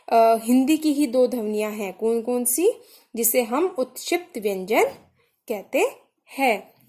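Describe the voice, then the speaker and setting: A young woman with a slightly high voice leads a grammar lesson. She talks slowly and patiently, saying each letter sound on its own so learners can repeat it. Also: darkish tone. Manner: patient, spells out sounds one by one. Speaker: teacher.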